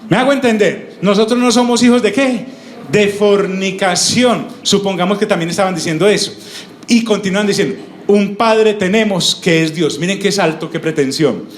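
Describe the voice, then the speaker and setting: A man's voice: high-pitched, a little fast. A male pastor, preaching a sermon and teaching through call-and-response questions he answers himself. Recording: echoey room with faint ambience.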